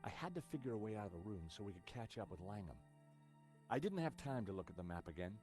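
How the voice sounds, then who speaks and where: An actor playing a wry, quick-witted male adventurer who narrates his own game story with dry understatement. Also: on the low side, big pitch swings, darkish tone, soft background music. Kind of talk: voiced game dialogue and narration.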